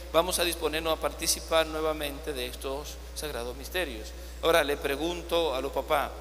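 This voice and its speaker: A priest with a fairly high, bright, clear voice guides parents and godparents through a baptism, instructive and patient. He is caught from a distance by a phone in a large church, his words ringing in a long reverb over a faint hum. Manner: instructive, gently coaxing the congregation. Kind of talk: leading a baptism rite. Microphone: far phone camera in the congregation.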